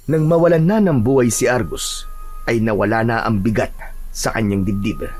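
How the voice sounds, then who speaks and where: A man narrating a scripted horror story in a steady storytelling manner. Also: fairly low pitch.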